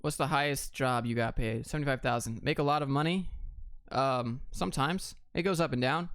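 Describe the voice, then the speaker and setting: An American man from Atlanta, Georgia, hosts a casual livestream, reading viewer questions aloud and answering them in a blunt, clipped, offhand way. His mid-range voice moves fairly quickly with a fairly bright tone. The recording is dry and studio quality.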